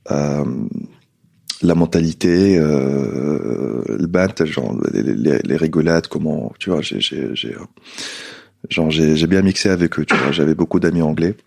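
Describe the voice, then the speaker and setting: A man, a podcast guest speaking casually and haltingly, often restarting and repeating words. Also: very deep voice, gravelly, a little mellow. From Tunisia. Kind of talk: casual conversation.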